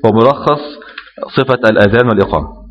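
A man's voice: fairly low pitch, fast, in a large hall. A man teaching a lesson, reading passages aloud and then explaining them, often checking that his students follow. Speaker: Islamic jurisprudence teacher. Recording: slightly muffled lo-fi recording.

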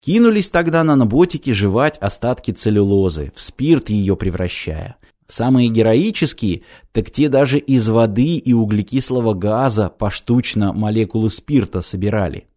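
Brief: male storyteller, expressive mock-solemn fairy-tale reading, animated melody. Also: on the low side, normal speed. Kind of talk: read fairy-tale narration.

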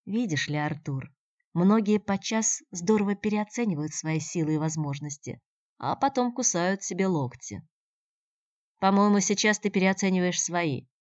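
A woman voicing a calm, persistent young man who talks in a measured, dry way, in a dull, dry recording. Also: on the low side, no room sound, close to an everyday voice. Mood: probing.

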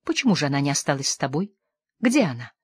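A sharp, skeptical young woman, as a woman reader puts her on, firing off pointed questions. Her voice sits low, and the audiobook sound is dry and close. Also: sing-song, quick pace, breathy edge, dry recording, exaggerated voice. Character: young woman, torn between disgust and curiosity.

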